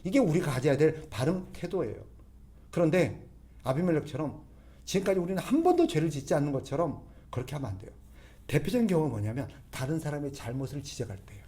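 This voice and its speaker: Lively, fairly high-voiced male preacher. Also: quick pace. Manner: keeps asking the congregation rhetorical questions; conversational preaching with everyday examples. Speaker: pastor. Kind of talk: expository sermon.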